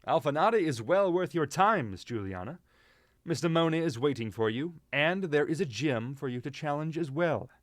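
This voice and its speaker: A man's voice: fairly high pitch, lively intonation, moderate pace, no echo, studio quality, lightly acted. A man playing a courteous, dignified older academy director with formal, polite wording, in a fan dub. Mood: encouraging. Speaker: school director character.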